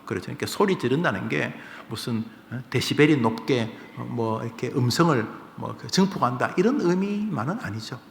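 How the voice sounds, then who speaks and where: A male pastor preaching a fervent sermon, swinging between quiet pleading and loud outbursts. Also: mid-range voice, animated, brisk, gravelly, hardly any pauses, slight background noise. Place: church sanctuary. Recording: echoey church hall with long reverb.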